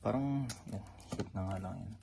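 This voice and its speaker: A man's voice: low-pitched, moderate pace, dark tone, low-quality recording. A man showing off his trading cards in a casual, chatty way, often checking in with the viewer. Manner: chatty, tags many sentences with "no?". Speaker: trading card vlogger. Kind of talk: casual card showcase. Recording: clear background noise.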